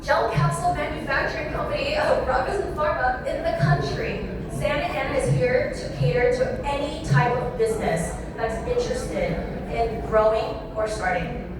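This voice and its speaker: A woman's voice: sits high, moderate pace. A woman in her thirties, a city council member, speaking eagerly on a discussion panel. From born in Thailand, raised in Southern California. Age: 30s. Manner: upbeat, eager, talks through lists. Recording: echoey hall, distant mic, crowd noise.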